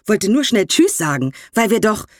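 A woman's voice: medium pitch, very animated, moderate pace, dry recording, studio quality, voice pushed up, lightly acted. A woman voicing a flustered young mother who talks hesitantly and tries to placate her aunt.

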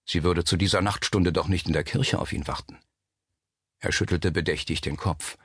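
A man reading a suspense novel aloud as narrator, measured and steady. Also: low-pitched, slightly rough, no room sound, clean studio sound. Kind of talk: scripted audiobook narration.

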